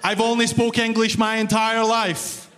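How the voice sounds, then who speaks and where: A Glaswegian stand-up comedian works the crowd on a big concert hall stage, his wry, self-mocking set drawing laughs. His voice is high and fairly bright, delivered in a monotone at a slightly slow pace. The live hall reverb carries some faint room noise.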